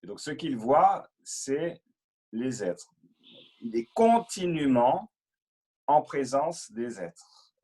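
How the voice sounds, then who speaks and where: Husky man patiently explaining a prayer. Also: a little high, very animated, dark tone. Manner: patient, halting, many fillers and repetitions. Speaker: interpreter and Dharma teacher.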